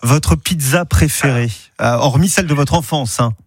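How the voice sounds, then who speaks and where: Chatty radio host. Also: male voice, medium pitch, normal speed, breathy edge, no echo, studio quality. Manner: friendly, chatty presenter with light laughs. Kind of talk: local radio morning show.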